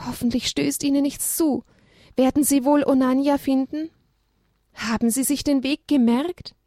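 A woman's voice: high voice, fairly even intonation, moderate pace, mellow, no echo, studio quality, voice pushed up. A woman voicing a caring, protective mother donkey who calls out urgently. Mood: worried.

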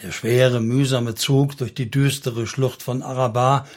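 A man narrating a solemn story in steady, scripted audiobook style. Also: medium pitch, unhurried.

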